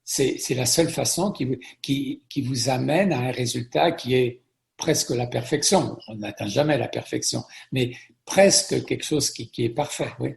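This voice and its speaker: Middle-aged French-born man, interview guest, gravelly voice, chatty storyteller who repeats himself. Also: medium pitch, moderate pace. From France. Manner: warm storytelling with frequent repetitions. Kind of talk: conversational interview.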